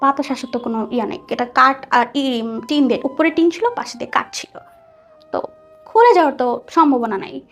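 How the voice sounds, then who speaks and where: Speaking as a guest, a young Bangladeshi-accented woman shares a story from her own life in a conversational way, voicing the lines people said to her. Her voice sits high, a little bright and fairly fast, over background music.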